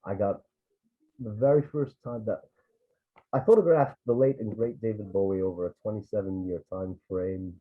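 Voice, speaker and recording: Speaking at a normal speed in a lowish voice, this Edinburgh man, a tour guide and photographer from Scotland, chats on a video call. His storytelling is loose and meandering, full of restarts and side comments. It comes through the video call microphone with a thin, phone-like sound.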